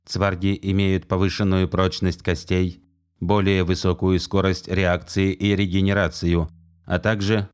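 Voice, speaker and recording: This is a prim robot nanny with a metallic, mechanical voice, done by a man reading a story aloud. He speaks low and slow, evenly and without hurry. He recites facts like a technical manual, literal and exact. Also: flat delivery, darkish tone, smooth. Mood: flat, matter-of-fact. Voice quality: metallic, measured robotic delivery. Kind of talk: audiobook reading.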